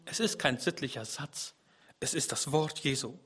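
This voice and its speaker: A middle-aged man preaching a sermon, swinging from soft, low phrases to loud, emphatic peaks. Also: normal speed, breathy edge.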